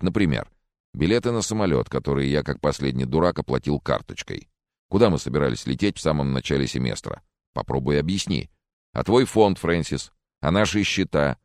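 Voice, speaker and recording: A man voicing a cool, calculating young male student who reasons things through in a measured way, in an audiobook thriller. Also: very deep voice, darkish tone, dry recording, studio quality. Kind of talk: audiobook character reading.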